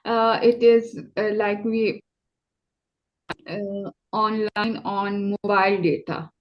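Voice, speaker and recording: A woman from Pakistan, speaking as an interview guest over a choppy conference-call line on mobile data, hesitant and full of pauses and fillers. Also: medium pitch, level tone, highs cut off. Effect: choppy conference-call audio over mobile data. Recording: patchy internet call from afar.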